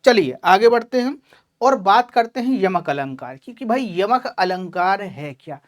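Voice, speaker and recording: A woman's voice: mid-range voice, expressive, unhurried. A woman teacher giving an online class lecture in Hindi, explaining patiently and checking in often with her students, whom she calls child. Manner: addresses students affectionately as child.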